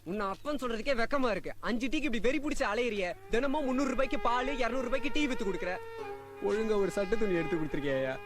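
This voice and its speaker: A man's voice: very high-pitched, animated. A man as a cheeky young village man. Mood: quarrelsome. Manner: cheeky, quick retorts. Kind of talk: dubbed film acting. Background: film music.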